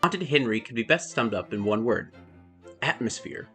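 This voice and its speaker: Animated man narrating a review. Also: medium pitch, moderate pace, soft background music.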